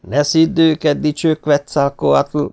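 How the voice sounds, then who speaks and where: A man voicing a young armed rescuer who mocks his enemies while calmly threatening them. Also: mid-range voice, natural voice. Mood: menacing. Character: cool armed young male rescuer, mocking. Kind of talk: audiobook character voice.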